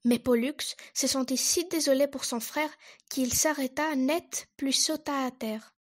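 A woman reading a children's picture book aloud in an expressive, lively way. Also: high-pitched, a little slow. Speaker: reader.

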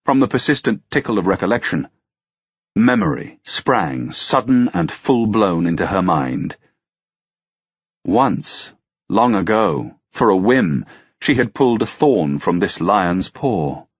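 Deep husky male audiobook narrator. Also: big pitch swings, slow pace, no echo, highs cut off.

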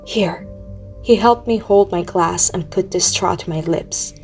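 A woman reading an audiobook aloud in a steady, measured storytelling manner. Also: lowish voice. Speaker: audiobook reader. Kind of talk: audiobook narration. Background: faint music.

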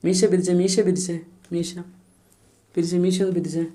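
A man's voice: sits high, little pitch movement, normal speed, dark tone. A man filming himself playing with a toddler, using coaxing, repetitive baby talk full of sing-song questions.

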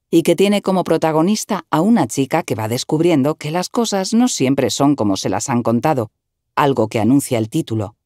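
A woman with a bass voice narrates a written article in an even, measured reading style. She's recorded close to the mic, and the sound is dry.

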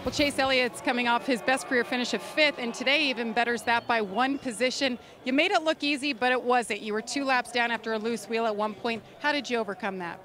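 A woman's voice: on the high side, a little fast, hardly any pauses, a bit bright, soft background music. A woman, a pit reporter, interviewing a driver after the race. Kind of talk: broadcast interview.

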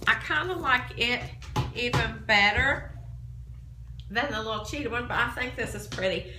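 A woman's voice: fairly high pitch, sharp tone, a little hiss or hum. A woman in her thirties with a cold, chatting casually through a handbag haul at home and recorded on a phone held at arm's length. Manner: chatty, detailed, upbeat. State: has a cold, coughing. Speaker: vlogger. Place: small room at home, indoors. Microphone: phone camera at arm's length. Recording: echoey home room.

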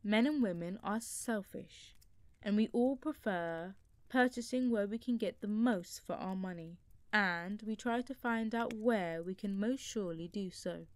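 A woman reading a classic nonfiction book aloud as an audiobook narrator, in a steady, measured way. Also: mid-range voice, no room sound.

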